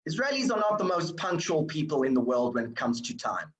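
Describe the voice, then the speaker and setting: Guy running a culture training session, fairly high voice, kinda echoey room, lots of ums. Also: big pitch swings, brisk. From South Africa. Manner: explanatory, with fillers and restarts.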